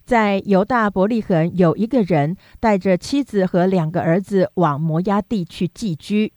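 A woman reading scripture aloud in a steady, even, measured narration. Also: medium pitch, dry recording, clean studio sound. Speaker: scripture reader.

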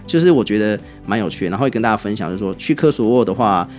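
Taiwanese guy on a podcast, lowish voice, talks super fast, chatty travel stories. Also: soft background music. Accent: Taiwanese Mandarin. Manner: animated, chatty anecdotes. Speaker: travel writer guest. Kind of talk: casual podcast storytelling.

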